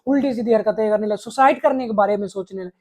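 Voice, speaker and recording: With a high pitch and a darkish tone, a man rattles off crude, scolding relationship advice aimed straight at the viewer. He talks fast and swears often.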